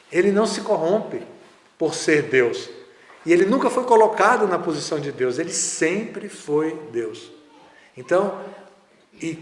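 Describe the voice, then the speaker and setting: A man giving a spiritual lecture in a measured, conversational way with casual asides. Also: fairly high pitch. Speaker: spiritual teacher. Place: lecture hall. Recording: echoey hall, roomy reverb.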